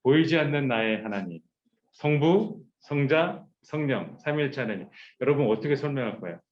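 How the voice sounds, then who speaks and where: A man's voice: medium pitch, expressive, normal speed, muffled recording. A man preaching a sermon to teenagers, leading group Bible readings and acting out the voices in his story. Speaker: pastor. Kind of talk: youth sermon.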